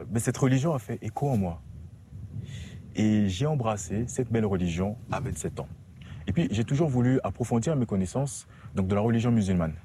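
Young guy from french guiana telling his story, calm, low mellow voice. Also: a little hiss or hum. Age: young adult. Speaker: student interviewed in a report. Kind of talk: reflective personal account.

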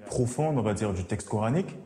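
An earnest, measured man in his thirties from French Guiana speaks with a low, mellow voice. The sound carries a noticeable room echo. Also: expressive. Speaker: theology student. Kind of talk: documentary interview. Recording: roomy echo.

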